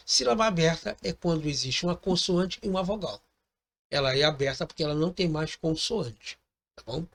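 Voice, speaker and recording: A man's voice: a little high, a bit bright. Man teaching, patient and repetitive. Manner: patient, repeats points, ends phrases with "tá bom?". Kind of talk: recorded lesson explaining slides.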